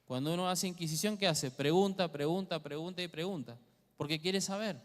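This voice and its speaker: Long reverb fills the church hall as a high-pitched man speaks fairly quickly. He's delivering a teaching sermon in Argentine-accented Spanish, putting questions to the congregation along the way.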